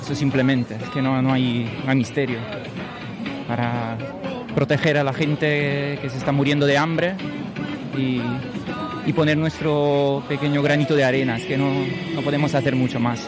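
A man's voice: mid-range voice, flat delivery, moderate pace, loud music behind the voice. A man from Italy, a protester giving a hesitant street interview and repeating words as he goes. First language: Italian.

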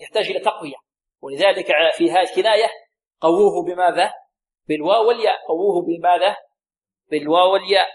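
A man teaching Quran recitation rules, often asking a question and answering it himself, and slowly repeating words to show how to say them. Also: sits high. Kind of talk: tajweed lesson with call-and-response questions.

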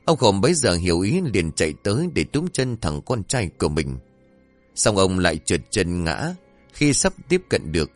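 A man narrating a story in an expressive, dramatic way, with faint music behind. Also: sits low, normal speed.

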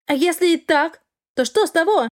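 A woman's voice: high-pitched, brisk, natural voice. A woman voicing an arrogant young noblewoman in an audiobook, haughty and demanding. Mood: indignant. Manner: haughty, rising to shrieks. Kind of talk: audiobook character voice.

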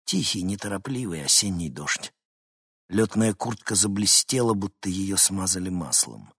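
A man narrating a novel as an audiobook in a measured, tense storytelling manner. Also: sits low, lively intonation, fairly bright tone, slightly rough, no echo, clean studio sound. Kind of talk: scripted narration.

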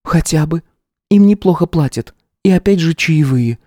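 A weary, hurt young woman, as a male narrator puts her on, speaks in a raised, strained voice with a soft, mellow tone. Her lines come across close and dry, with a bitter, sarcastic edge, in the manner of an audiobook read aloud. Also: a little high, expressive, moderate pace, no echo, voice pushed up, lightly acted. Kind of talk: audiobook character reading.

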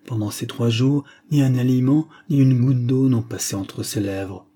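A man's voice: medium pitch, steady tone, normal speed, mellow, natural voice. A man reading an audiobook, voicing an anxious, deferential elderly landlady. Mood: worried. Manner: anxious, respectful.

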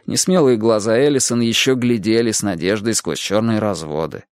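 A man narrating an audiobook in an expressive storytelling manner. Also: on the low side, moderate pace, clean tone, no room sound. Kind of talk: audiobook reading.

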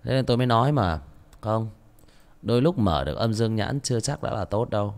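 Expressive male horror story narrator. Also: on the low side, a little fast. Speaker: audiobook narrator and channel host. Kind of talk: horror audiobook narration, then casual chat.

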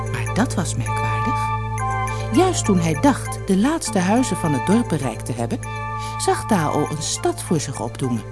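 Woman reading a fairy tale aloud. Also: on the low side. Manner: expressive, gently varied reading. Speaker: storyteller. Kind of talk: storybook narration for children. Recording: audiobook with soft music behind. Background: faint music.

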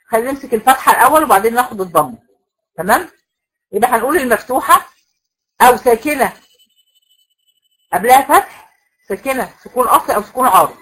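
A woman with an Egyptian accent and a fairly high, fairly bright voice leads a recitation lecture for women students, heard in poor audio. Step by step she explains the rules, asking the class questions and supplying the answers herself.

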